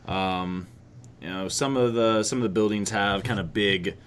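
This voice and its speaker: Low-voiced rambling man running a game. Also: normal speed, a little hiss or hum. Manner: rambling, hesitant with many fillers. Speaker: game master. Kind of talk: narrating a tabletop game.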